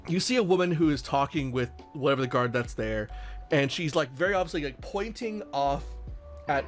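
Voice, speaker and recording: A man's voice: mid-range voice, a bit bright. A man narrating as game master in a tabletop game, rambling with many fillers.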